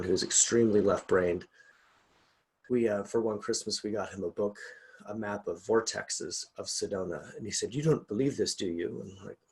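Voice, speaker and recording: A man's voice: fairly low pitch, darkish tone, slightly rough. A man, a guest executive coach, chatting casually over a video call from his home, rambling and laughing often.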